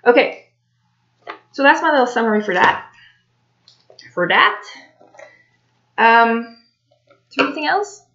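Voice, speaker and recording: A woman talking casually to camera as a tarot reader, unhurried and full of ums and restarts. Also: on the high side, animated, a bit bright, lo-fi sound. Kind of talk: casual solo talk to camera.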